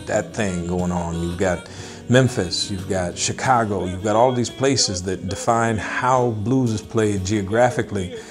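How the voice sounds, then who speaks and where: A middle-aged man, a blues musician, speaking in an unhurried, thoughtful interview with many small pauses. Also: fairly low pitch. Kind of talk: relaxed interview talk. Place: indoors, wood-paneled room, seated at a table. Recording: interview with guitar music mixed underneath.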